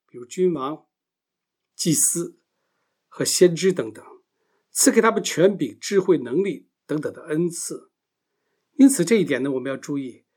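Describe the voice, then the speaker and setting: Man teaching Scripture, slightly high voice. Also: darkish tone, breathy edge. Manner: explains step by step, often asks and answers his own questions. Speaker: Bible teacher. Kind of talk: Bible teaching lecture.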